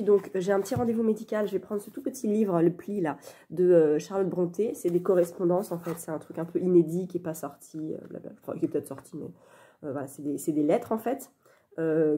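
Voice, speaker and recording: A woman's voice: fairly low pitch, warm tone, breathy edge. A woman chatting casually in a reading vlog, talking into her phone with many fillers and restarts. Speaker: book vlogger. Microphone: phone camera. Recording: phone on a stand, dim light.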